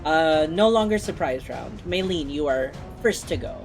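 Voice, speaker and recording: Low female voice, game master, casual, accommodating, explanatory. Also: animated, normal speed, soft background music. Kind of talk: running a tabletop game, casual.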